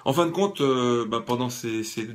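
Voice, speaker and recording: A man vlogging a casual satirical monologue, ironic and halting, with many fillers. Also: mid-range voice, lively intonation.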